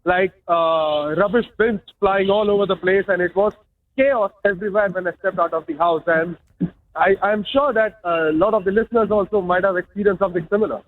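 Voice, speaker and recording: A man's voice: high-pitched, brisk, phone-quality sound. A man working as a news field reporter, giving an unscripted live report in a hesitant, self-correcting way over a radio link. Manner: hesitant, repeats and corrects himself. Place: on location at a railway station.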